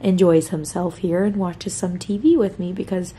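A woman's voice: fairly low pitch, steady tone, moderate pace, warm tone, a little hiss or hum. A young adult woman vlogging from home in a rambling casual chat, often saying "like". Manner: chatty and rambling, fond of saying "like".

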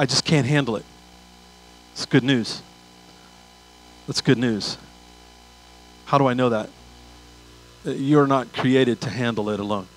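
On the stage of a big church auditorium, an older man delivers a conversational sermon, driving points home with repeated phrases and rhetorical questions. The low-quality recording carries his mid-range, somewhat bright voice.

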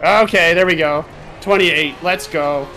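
A man with a cough, racing and chatting excitably with teammates over voice chat, swearing often. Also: fairly high pitch, a little slow, soft background music, low-quality recording. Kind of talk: casual team chat while racing.

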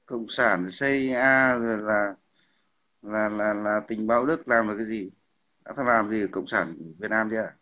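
A man's voice: fairly low pitch, steady tone, normal speed, bright, forceful tone. A man ranting combatively on a livestream, hurling insults and repeating "hiểu không?". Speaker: livestream host. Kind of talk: heated political livestream rant.

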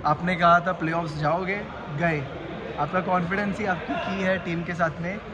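A man's voice: high-pitched, steady tone, normal speed, lo-fi sound. Eager young male interviewer, heavy traffic. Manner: eager, mixes in English phrases. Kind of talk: fan-style interview questions. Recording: outdoor interview with loud traffic noise.

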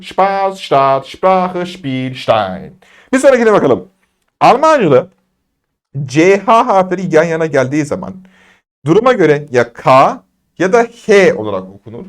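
A man's voice: sits high, big pitch swings, moderate pace. A man teaching German pronunciation, repeating each word several times with teasing asides to his students. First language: Turkish. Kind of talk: pronunciation lesson, repeating words slowly.

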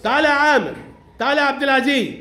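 A man runs a classroom quiz with young pupils. He is brisk and playful, and calls each child up by name. He chuckles as he quizzes them. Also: extremely high pitch, sharp tone, slight background noise. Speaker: primary school Arabic teacher.

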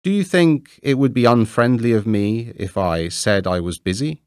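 A man's voice: medium pitch, moderate pace, a little mellow, no room sound, clean studio sound, voice pushed up, lightly acted. A man doing shy, timid little Hans. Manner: timid, earnest.

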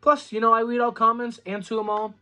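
His voice is extremely high and sharp, delivered briskly and completely flat, with soft music in the background. Still, this young adult man is chatty and easygoing as he reviews microwave food for a camera across his table in a small home room, often saying "you know."

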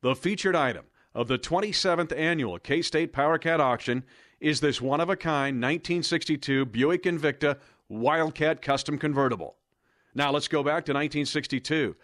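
A man's voice: on the high side, a bit bright, no room sound, clean studio sound. A man reading an enthusiastic scripted promo voice-over in an announcer's delivery. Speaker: promo narrator.

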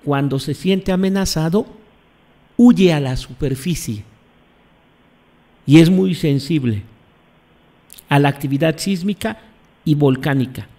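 A man's voice: a little high, measured pace, pauses often, warm tone. A man hosting live commentary on earthquakes, emphatic, repeating phrases and putting questions to his audience. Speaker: host.

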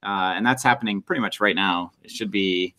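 A man co-hosting a meetup while getting over a cold. His voice sits low and he speaks in a relaxed, low-key way, chiming in with short agreements. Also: fairly quick. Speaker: meetup co-host. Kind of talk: casual talk to a group.

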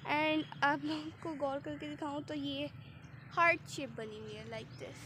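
A woman with a hoarse throat, chatting casually on a walking vlog in a park. She mixes English words into her talk and sounds a little shy. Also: sits high, steady tone, unhurried. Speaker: vlogger. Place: outdoor city park. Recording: noisy outdoor phone recording. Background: open-air park ambience.

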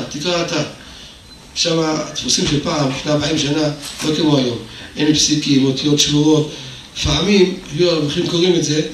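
An older man giving a Torah lecture, telling stories and acting out the dialogue, with emphatic bursts. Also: on the high side. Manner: storytelling, acts out dialogue, rises to emphatic bursts. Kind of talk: sermon with told anecdotes. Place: hall of a religious institution. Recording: very echoey hall, voice from far off, faint noise.

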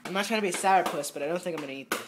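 A man's voice: sits high, racing. A young man filming friends in a kitchen, chatting casually and teasing them with frequent laughter. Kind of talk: casual chat. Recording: noisy home video.

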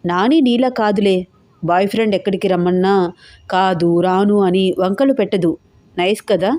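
Storybook role: teasing young fiancé, put on by a woman reader, warm low-key tone. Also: normal speed, no echo, lightly acted. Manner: playful, teasing.

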